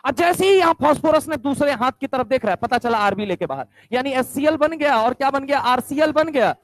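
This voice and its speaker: A man teaching chemistry through a story, animated, often checking that students understand. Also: very high voice, a little fast, no echo, poor audio. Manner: animated, keeps asking the class if they understand.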